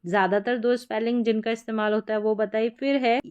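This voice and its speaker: A young woman teaching English pronunciation, spelling out letters slowly and repeating each word several times. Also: fairly high pitch, little pitch movement, darkish tone, smooth, highs cut off. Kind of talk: explanatory lesson.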